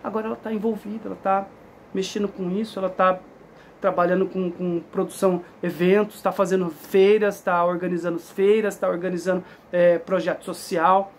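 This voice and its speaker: Earnest Brazilian man, gravelly voice. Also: sits high, level tone, normal speed, slight background noise. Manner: emphatic, earnest, frequent tag questions. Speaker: father sharing his story. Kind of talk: casual spoken testimony to camera.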